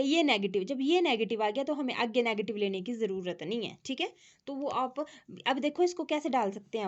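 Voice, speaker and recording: A woman's voice: on the high side, lo-fi sound. A woman teaching an English grammar class online, explaining step by step and checking in with her students.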